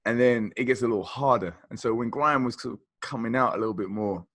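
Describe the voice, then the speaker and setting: A man's voice: medium pitch, fast, fairly bright tone, dry recording. Enthusiastic man in his forties. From South Croydon, London, England. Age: 40s. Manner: enthusiastic, rambling, peppered with "you know". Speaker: podcast co-host. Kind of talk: casual chat about music.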